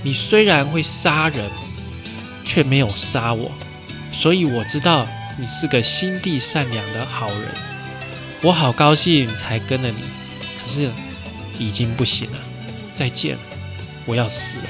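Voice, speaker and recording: A man voicing a gentle young woman who is secretly a ladybug spirit, in a storytelling podcast. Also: mid-range voice, lively intonation, measured pace, pauses often, over music. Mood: tender.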